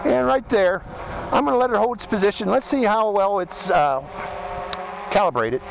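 A middle-aged channel host who reviews drones talks through a product step by step in a relaxed, hands-on, chatty style, his Pittsburgh accent showing. His voice is high, animated, and creaky, at a moderate pace. He's in a windy desert canyon, and his body-worn hat camera picks up noisy outdoor audio.

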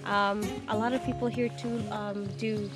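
A woman's voice: mid-range voice, flat delivery, moderate pace. A woman in her thirties, a mother vlogging outdoors at a lake, talking in a chatty way with many ums. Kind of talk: casual vlog narration. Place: outdoors at a lakeside park. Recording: music playing underneath.

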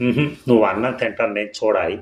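A man voicing a secretive husband who coaxes and reassures his wife, in a low, echoing reading voice. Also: fast talker, close to an everyday voice. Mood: coaxing. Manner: coaxing, affectionate. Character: secretive husband, soothing and affectionate. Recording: echoey room.

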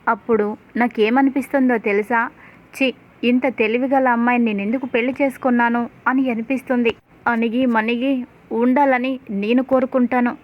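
Woman reading a stubborn young husband, high read-out voice, tinny phone-like sound. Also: steady tone, a little fast, close to an everyday voice. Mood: proud.

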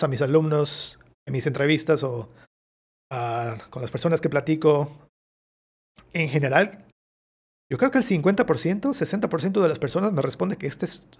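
A man with a Mexican Spanish accent teaches English vocabulary, saying each word slowly so learners can copy how it sounds. His voice sits on the high side.

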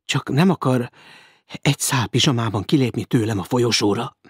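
A man's voice: mid-range voice, breathy edge, no echo, clean studio sound. A man voicing a flustered, indignant young woman who scolds in alarm, in an audiobook. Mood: anxious.

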